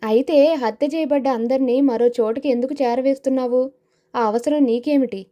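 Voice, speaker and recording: A woman's voice: high voice, moderate pace, mellow, lightly acted. A woman doing a fierce grieving widow. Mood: accusing. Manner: fierce, accusing questions. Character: grieving widow accusing a man of murder.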